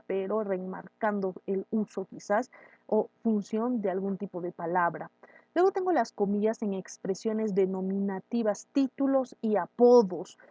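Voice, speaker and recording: A woman teaching a grammar lesson, explaining step by step and checking in often with quick questions. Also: medium pitch, warm tone, no echo, dull audio.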